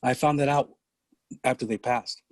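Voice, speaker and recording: An older man from San Francisco, a podcast guest telling his story slowly and deliberately over a video call. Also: medium pitch, steady tone, no room sound. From San Francisco, USA. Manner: slow, deliberate storytelling with pauses. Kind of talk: conversational interview.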